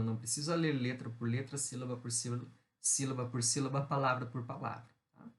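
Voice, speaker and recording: A middle-aged Brazilian man delivers a recorded lecture at a medium pitch. He explains patiently, checking in with the listener through small verbal tags and fillers. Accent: Brazilian Portuguese. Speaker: university lecturer.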